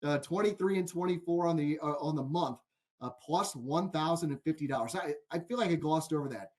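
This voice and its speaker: A man with a fairly high voice co-hosts a sports betting podcast. He chats loosely, laughs often, and leans on filler words. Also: fairly quick, darkish tone. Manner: chatty, laughs easily, full of fillers like "like". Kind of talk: casual podcast chat.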